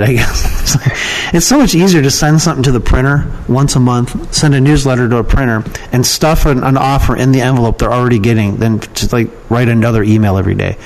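In a rough recording, a man with a mid-range voice answers interview questions as a guest. He is an email marketer and copywriting trainer on a podcast, and his replies are casual, rambling, frank and opinionated.

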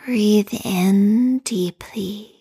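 Calm, meditative woman, very slow and breathy. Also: medium pitch. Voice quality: soft, breathy, whispery. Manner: calm, meditative, soothing delivery. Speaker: guided meditation host. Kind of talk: guided meditation.

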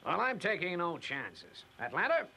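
A man playing a stern, vigilant military commander with a gravelly, commanding voice in a vintage puppet adventure series. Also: high voice, huge pitch swings, normal speed, pushed and bright, slight background noise, heavily acted.

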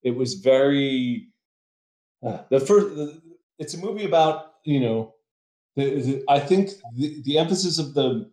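A man's voice: medium pitch, lively intonation, a little slow, mellow. A man co-hosting a casual podcast, giving an opinionated rant. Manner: opinionated, ranting. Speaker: podcast co-host. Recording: roomy echo.

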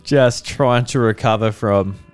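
A man's voice: fairly low pitch, unhurried, soft background music. An Australian man hosting a casual chat with friends, with a joking, teasing manner. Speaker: podcast host. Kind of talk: casual banter among friends.

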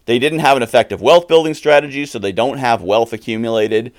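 Man, middle-aged, podcast host, emphatic motivational monologue, mid-pitched voice. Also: brisk. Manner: earnest, emphatic, advice-giving.

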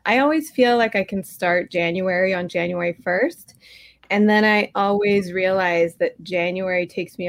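A woman co-hosting a podcast, talking casually and at length with fillers. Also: mid-range voice. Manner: chatty, warm introductions with fillers. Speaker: podcast co-host.

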